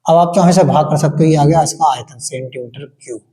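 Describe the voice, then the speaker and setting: Fast and dark-toned with a fairly high pitch, a male maths teacher tackles board-exam problems step by step. He questions the class and then answers himself, chanting times tables, and long hall reverb fills the recording.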